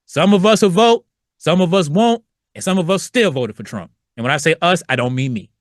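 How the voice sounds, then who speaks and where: A man's voice: on the high side, animated, brisk, dry recording, studio quality. A middle-aged man from Virginia hosting a solo podcast, talking loosely and profanely in slang and acting out quoted voices along the way. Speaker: podcast host.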